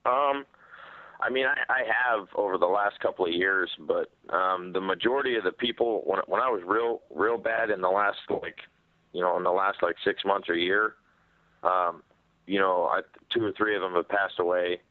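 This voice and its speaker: Very low-voiced man on a muffled phone line. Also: no room sound. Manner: halting, repeats words. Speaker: professional MMA fighter being interviewed. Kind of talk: candid media call answer. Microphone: telephone. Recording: muffled narrow-band phone conference line.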